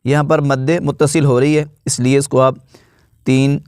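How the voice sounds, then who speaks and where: A man teaching Quran recitation with an Urdu accent, spelling out letters and vowel marks one by one in a slow, drawn-out way, then explaining the rules more quickly. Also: mid-range voice, level tone, darkish tone, clean tone, no echo, clean studio sound.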